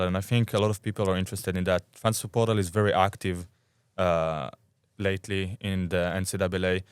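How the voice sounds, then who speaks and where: A man's voice: sits low, clean tone, no room sound, clean studio sound. A young man in his twenties hosting a college sports podcast, reading a scripted intro and then asking questions conversationally. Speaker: podcast host.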